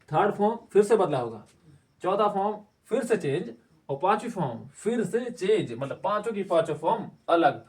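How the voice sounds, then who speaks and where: Male teacher, somewhat high voice, recorded from a distance, drills words aloud by repetition. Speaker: English teacher. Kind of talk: spoken English lesson.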